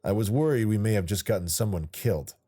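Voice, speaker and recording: A man's voice: lowish voice, animated, quick pace, dark tone. A man, the author, narrating his own audiobook in a wry first-person storytelling manner.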